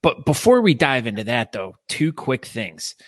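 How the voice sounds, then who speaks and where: A man's voice: mid-range voice, very animated, moderate pace, no room sound. A man from the United States co-hosting a podcast in casual chat. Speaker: podcast co-host. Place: makeshift home studio in a living room.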